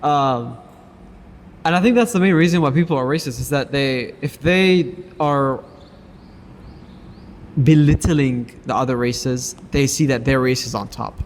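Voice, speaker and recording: A man's voice: medium pitch, a little slow, pauses often. A man hosting a casual chat, asking questions hesitantly with many fillers. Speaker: host. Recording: roomy reverb with background hiss.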